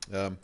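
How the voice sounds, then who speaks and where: A young gameplay streamer with a head cold sounds stuffy as he introduces a game playthrough. He's laid-back and rambling, chatting casually and swearing freely throughout the intro.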